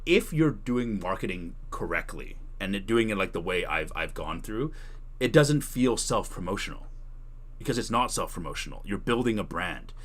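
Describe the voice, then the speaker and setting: A deep-voiced man speaks at an ordinary speed with a sing-song lilt. He's a streamer running a tutorial on a livestream, casually fielding chat questions while thinking out loud and rephrasing himself.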